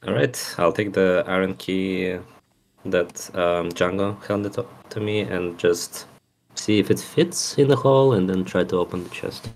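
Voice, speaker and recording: Dude playing a tabletop rpg, kinda low gravelly voice, casual chat. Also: male voice, a little slow, slight background noise. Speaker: tabletop game player.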